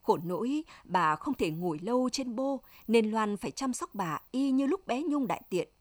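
A woman's voice: fairly high pitch, animated, normal speed, dry recording, studio quality. A woman narrating a story like an audiobook, reading the characters' lines in her own voice.

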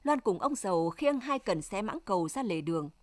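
Female storyteller, middle pitch, dry close recording, reads all roles herself. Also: animated, normal speed, no room sound. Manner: reads every character's lines in her own voice. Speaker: narrator. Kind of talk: audiobook story narration.

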